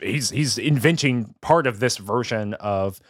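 A man co-hosting a podcast, chatting casually about a book, rambling with many fillers and quick laughs. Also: mid-range voice, dry recording, clean studio sound. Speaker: podcast co-host.

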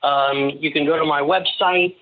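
A man's voice: on the high side, steady tone, a little hiss or hum. Rambling, jokey male guest, very dull lo-fi sound. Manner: jokey, rambling, halting delivery. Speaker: podcast guest, small-business owner. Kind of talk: casual interview chat.

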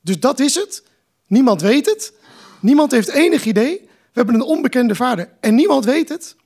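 Agitated teen boy, raised and sharp, read by a man, gravelly edge. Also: extremely high pitch, expressive, unhurried, voice pushed up, full character voice. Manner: sharp, rising outbursts. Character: agitated teenage boy, angry and disbelieving.

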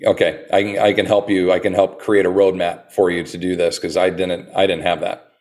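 A man who works as a personal trainer, talking earnestly in a casual interview and telling animated stories with many restarts. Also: low-pitched, fairly quick. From United States.

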